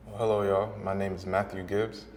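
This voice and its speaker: A man with a very deep, flat voice introduces himself in an easygoing way, dotting his speech with "uh" and "you know". The recording rings with the long reverb of a hall, with faint ambient noise behind. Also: a little fast. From United States. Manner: relaxed, many fillers. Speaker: dancer. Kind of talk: casual self-introduction.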